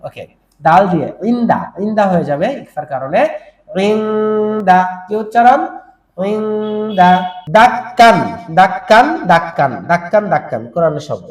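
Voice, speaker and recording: A man's voice: high-pitched, sing-song, faint music behind. Man teaching Quran recitation, echoey room. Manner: spells out and drawls words slowly, repeating them. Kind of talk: tajweed lesson for teaching children.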